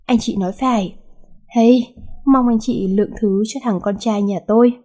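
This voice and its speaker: A woman's voice: a little high, steady tone, normal speed, dark tone, lightly acted. A woman voicing a stiffly polite, formal middle-aged father-in-law. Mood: stiff politeness.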